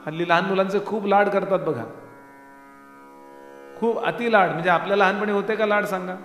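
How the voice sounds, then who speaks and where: High-voiced preacher in an echoing hall. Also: male voice, steady tone, fairly quick, a bit bright, faint music behind. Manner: conversational preaching with rhetorical questions. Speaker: kirtan preacher. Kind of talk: Marathi devotional discourse. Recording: long reverb in a hall.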